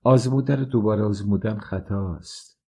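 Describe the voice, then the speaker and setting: A man's voice: fairly low pitch, gravelly, dark tone, husky. A man voicing a proud, defiant young actress and courtesan in an audiobook, speaking frankly and with scorn. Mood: proud, scornful.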